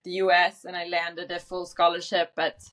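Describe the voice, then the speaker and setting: A woman's voice: on the low side, monotone, normal speed, fairly bright tone. A middle-aged woman from Sweden with a Swedish accent, talking casually as a guest in an interview, chatty and laughing easily with lots of fillers. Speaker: guest, tennis event director. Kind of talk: conversational interview answers.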